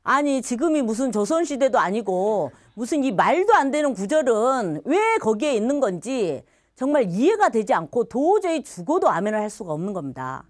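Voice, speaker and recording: A middle-aged woman, a former missionary, giving a personal faith testimony in an animated storytelling manner, often laughing and acting out what people said. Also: on the high side, moderate pace, few pauses, no echo, studio quality.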